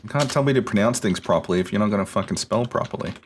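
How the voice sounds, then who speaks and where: A man's voice: on the low side, racing, slight background noise. A man chatting casually on a game stream, wry and teasing.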